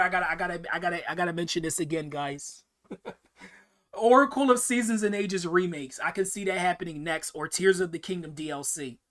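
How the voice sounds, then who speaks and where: A young man hosts a casual live-stream Q&A, rambling through viewer questions and often repeating words and restarting sentences. His voice is high, bright and forceful.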